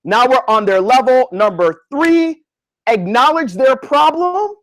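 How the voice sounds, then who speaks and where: A man who is a physical therapist, giving a live online lecture in a slangy, animated way, talking straight to his listeners. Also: very high voice, measured pace. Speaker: physical therapist coaching students.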